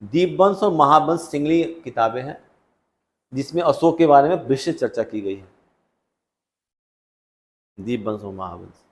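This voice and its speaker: A man's voice: mid-range voice, lively intonation, unhurried, long pauses. A male teacher going through test answers with students in a classroom, conversational and full of questions to them. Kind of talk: classroom test solution lecture.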